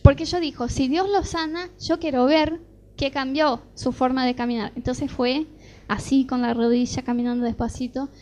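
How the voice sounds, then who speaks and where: Speaking at a normal speed in a high voice, a middle-aged Argentine woman with a Rioplatense accent delivers a sermon drawn from her personal testimony. Her storytelling is lively, and she performs each exchange of dialogue as she goes.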